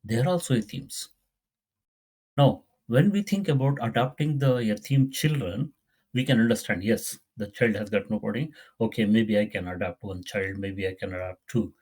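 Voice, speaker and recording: Male Quran teacher, low husky voice, earnest and repetitive delivery. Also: moderate pace, darkish tone. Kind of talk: religious lesson.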